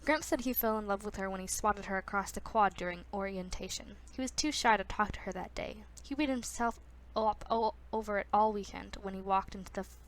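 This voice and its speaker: Girl reading a book out loud, lots of restarts and little asides, faint hiss. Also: medium pitch, brisk. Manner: self-conscious chatty asides; frequent restarts. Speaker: reader. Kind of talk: casual audiobook reading.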